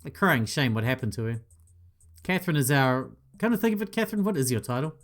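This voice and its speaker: With big pitch swings and quick speech, a gaming channel host of medium pitch works through a visual novel. He performs every character's lines aloud, mixing in playful asides and the occasional swear.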